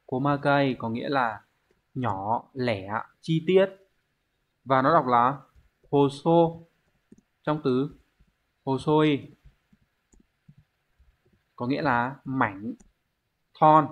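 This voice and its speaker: A man teaches an online exam-prep lesson. His pitch sits at an ordinary middle level as he patiently walks through each point and poses questions to the students before answering them himself. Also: drawn-out words, pauses often, dull audio. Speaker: Japanese language teacher.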